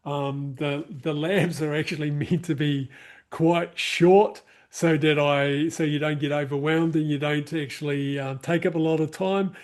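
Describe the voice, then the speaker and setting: This New Zealand-accented man, hosting an online workshop, gives casual closing remarks to a live online group through a video call mic. He speaks a little high with a steady tone at a measured pace, peppering his talk with fillers and restarts.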